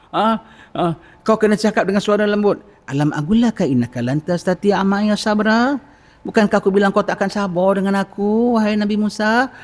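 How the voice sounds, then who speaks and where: Penceramah lelaki loghat Malaysia dalam masjid. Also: male voice, high voice. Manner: animated, acts out dialogues, frequent "ha?". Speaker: religious lecturer. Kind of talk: mosque sermon lecture. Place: mosque. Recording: long reverb of a mosque hall.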